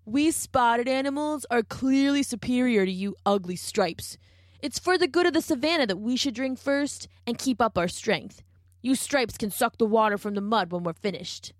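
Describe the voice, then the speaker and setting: A woman's voice: fairly high pitch, lively intonation, normal speed, no echo, clean studio sound, pitched above the performer's own voice, lightly acted. A woman voicing a haughty cheetah who spits out sneering, contemptuous boasts.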